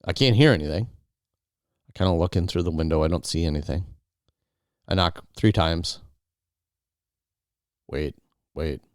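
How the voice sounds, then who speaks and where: A man's voice: low voice, measured pace, long pauses, smooth, no echo, clean studio sound. A man hosting a podcast, telling an outdoor survival story in a casual, rambling way, often restarting and repeating words. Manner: rambling, repeats and restarts words, quotes others in his own voice.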